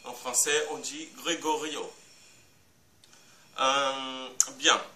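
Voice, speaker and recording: A man teaches French phonetics and breaks words into syllables one at a time. He talks very slowly in a bright, somewhat high voice. The sound is roomy and a little distant, with faint background hiss. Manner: slow, careful explanation with spelled-out syllables. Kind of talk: phonetics lesson. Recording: echoey room, a bit far from the mic.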